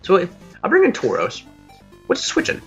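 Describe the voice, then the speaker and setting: Faint music plays behind a young man whose voice sits high and swings hugely in pitch at a moderate pace. He rambles through his league battle team plans in casual gaming commentary, self-deprecating and laughing at himself. The lo-fi mic is slightly dull.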